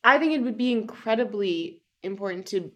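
A woman's voice: mid-range voice, expressive, a little fast. A young woman with a mid-range voice co-hosts a podcast in joking chat. She gives dry, blunt quips at an easy pace. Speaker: podcast co-host. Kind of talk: casual comedic chat.

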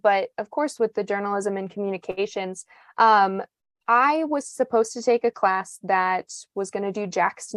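A woman's voice: mid-range voice, dry recording. A woman in her twenties, a journalist guest on a podcast, telling her story in a chatty, reflective way with many fillers and restarts. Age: 20s. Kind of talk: casual podcast interview.

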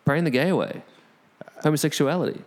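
A man's voice: a little high, brisk. A man co-hosting a podcast in casual chat, joking, with stammering restarts, in a small makeshift home studio. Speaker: podcast co-host.

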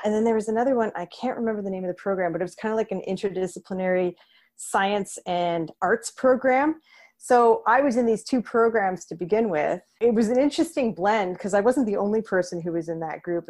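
A woman's voice: medium pitch, fairly quick, a little mellow. A woman in her thirties from Canada, an associate professor talking steadily and thoughtfully as a podcast guest. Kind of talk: conversational interview.

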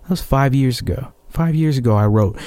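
A man's voice: medium pitch, brisk, warm tone, smooth, no room sound. A young American man, a musician, rambling through a profane, sarcastic casual monologue. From United States.

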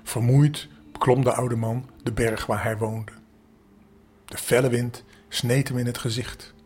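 An older man, a grandfather, calmly reading a bedtime story aloud at an unhurried pace, with small slips along the way. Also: mid-range voice, slightly rough.

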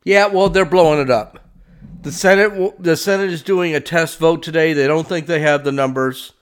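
A man's voice: fairly high pitch, normal speed, smooth. A man hosting a political commentary podcast, talking in an emphatic, indignant way and often repeating himself. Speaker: podcast host.

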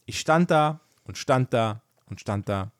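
Animated storytelling young man, dry sound. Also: medium pitch, measured pace, dry recording. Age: young adult. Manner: animated storyteller acting out dialogue. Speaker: podcast co-host. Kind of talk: casual chat.

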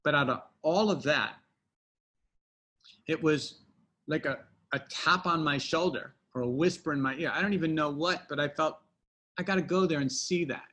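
A man's voice: fairly high pitch, moderate pace, bright, forceful tone. A middle-aged man telling a personal anecdote in a casual interview, rambling with fillers and restarts. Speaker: guest storyteller.

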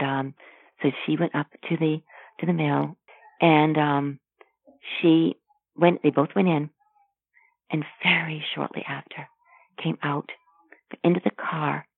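A woman's voice: low voice, creaky, husky, no echo. A woman working as a pro-life sidewalk counselor, recounting her experiences earnestly and often restarting her sentences. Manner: earnest, with frequent halting restarts. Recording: tinny phone-like line, dry.

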